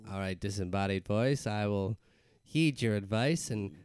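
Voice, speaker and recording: Man as a deadpan, smooth-voiced oddball food peddler. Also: lowish voice, normal speed, no echo, clean studio sound, close to an everyday voice. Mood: wary, deadpan. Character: odd, easygoing male hamburger peddler in a store. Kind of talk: improvised audio comedy.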